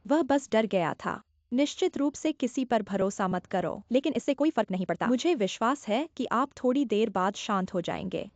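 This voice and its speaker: A woman's voice: fairly high pitch, animated, normal speed, darkish tone, dry recording. A woman voicing an anxious young woman in a dubbed TV drama, earnest and pleading. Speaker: dub actor. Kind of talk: Hindi dub of a Chinese TV drama. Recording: dry, dull dub track with music.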